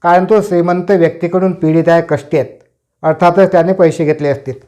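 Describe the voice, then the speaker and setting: A man's voice: on the high side, steady tone, fairly quick, dark tone. A man lecturing a class, explaining Pali verses line by line, repeating phrases with synonyms and dictating notes. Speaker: teacher.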